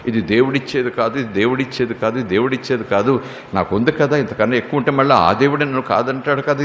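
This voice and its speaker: A man's voice: mid-range voice, reverberant, long reverb tail, slight background noise. A male pastor preaching a sermon, impassioned, acting out voices and cries.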